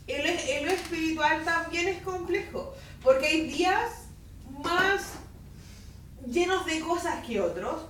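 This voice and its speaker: A Chilean woman teaching at a Bible institute, sharing a personal testimony in an informal, animated storytelling manner and acting out dialogue. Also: high voice. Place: classroom. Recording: distant mic in an echoey room, faint hiss.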